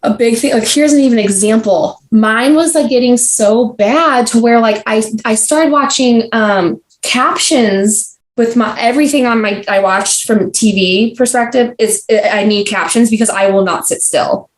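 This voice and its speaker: A woman's voice: on the high side, measured pace, hardly any pauses. A young adult woman, a podcast guest, talking in a casual, rambling way full of fillers and restarts. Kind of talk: casual conversational interview. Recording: roomy echo.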